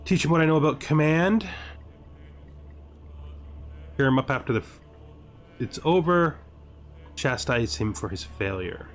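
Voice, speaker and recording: With a fairly high, expressive voice at a moderate pace, this male host of a gaming series comments casually on a video game. He muses aloud, asks rhetorical questions, tosses in exasperated asides, and occasionally reads game text, all over background music.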